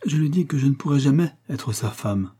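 A man's voice: medium pitch, animated, fairly quick, dark tone, slightly rough. A man reading an audiobook voices an earnest, lovesick young woman in a raised, pleading tone. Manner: emotional, pleading.

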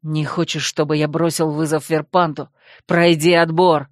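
A woman voicing a gruff young werewolf leader. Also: a little high, level tone, normal speed, no room sound, clean studio sound, lightly acted. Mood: commanding. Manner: growling, curt.

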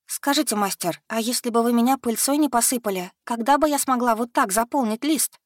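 A woman's voice: medium pitch, animated, moderate pace, no echo, studio quality, voice pushed up, natural voice. A woman voicing a curious young female magic student who asks many questions.

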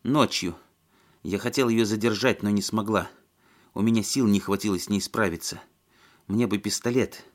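A man's voice: normal speed, natural voice. A man voicing a spiteful, envious woman who shrieks her lines in an audiobook. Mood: shrill, hateful. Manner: shrill, shrieking.

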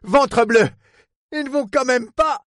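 A gruff, fretful harbor superintendent, as a male narrator puts him on, talks in blunt rustic speech and keeps swearing. The voice sits very high, far above the reader's own. The sound is dry and close. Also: moderate pace, no room sound. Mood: alarmed, shouting. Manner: blunt rustic talk, full of oaths. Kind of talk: audiobook character voice.

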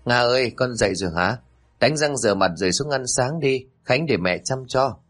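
A man voicing a grieving middle-aged mother who calls out and wails in a high voice, read as part of a spoken story. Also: animated, normal speed, a bit bright. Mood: gentle.

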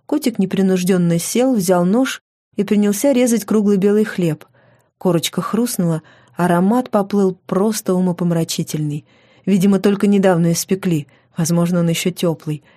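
Give me a woman narrating an audiobook with wry, lively delivery and a dark, mellow tone. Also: lowish voice, dry recording, clean studio sound. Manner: wry, lively first-person storytelling. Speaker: audiobook reader. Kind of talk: first-person audiobook narration.

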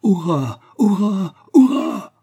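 A man's voice: fairly low pitch, unhurried, dark tone, breathy edge. A man voicing a determined, proud male polar explorer captain in an audiobook reading, with emphatic, exultant delivery. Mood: triumphant.

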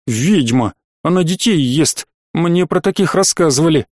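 Man voicing a small whiny boy, stubborn and insistent, raised pitch, dry read. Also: expressive, moderate pace, darkish tone, no echo. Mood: frightened. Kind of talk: audiobook reading.

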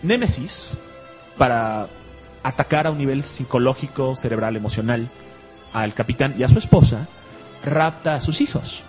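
A man's voice: mid-range voice, moderate pace, a little mellow, soft background music. A Mexican man hosting a casual online radio show about comics, chatty and joking, laughing often. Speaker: radio host.

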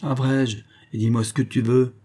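Male reader as a strained, bitter country pastor, dark husky voice. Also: medium pitch, flat delivery, moderate pace, lightly acted.

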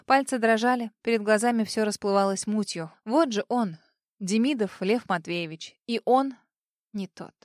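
A young adult woman narrating a dramatic story in the first person, with an emotional, expressive reading. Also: mid-range voice, moderate pace, no echo, clean studio sound. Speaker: audiobook narrator.

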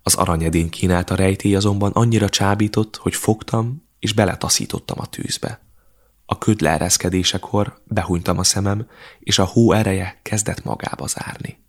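Audiobook narrator, man, very low gravelly voice, measured and steady. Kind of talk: scripted narration.

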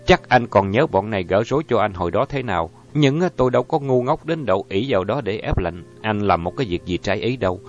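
A man reading an audiobook voices a cool, persuasive young crime boss who speaks calmly. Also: lowish voice, fast talker, hardly any pauses, lightly acted. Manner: calm, smooth talker. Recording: dull lo-fi audio, faint music.

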